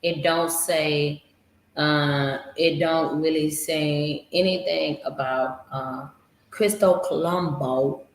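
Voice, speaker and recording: Slow, halting woman with a gravelly voice. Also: deep voice, fairly even intonation. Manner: slow, halting, with many fillers and restarts. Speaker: livestream host. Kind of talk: casual livestream talk about history. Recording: echoey room with faint guitar music.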